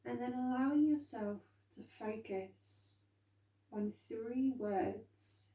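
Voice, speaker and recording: A woman guides a calm grounding exercise in a soft, dark-toned voice. She speaks very slowly and gently, leaving room between phrases. The sound is a little distant from the microphone. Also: fairly high pitch. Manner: calm, gentle, unhurried instruction with soft pauses. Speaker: meditation and movement instructor. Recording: roomy echo, distant from microphone.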